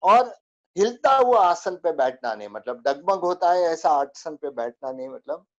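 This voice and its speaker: A man's voice: a little high, lively intonation, a little slow, muffled recording. A man teaching a spoken religious lesson, going through a list of rules with many fillers.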